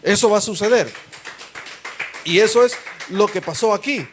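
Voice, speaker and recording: A man's voice: high voice, normal speed, slight background noise. A man with a Salvadoran Spanish accent preaching a sermon in a church, folksy and joking as he tells the story. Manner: folksy, joking asides with laughter. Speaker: pastor.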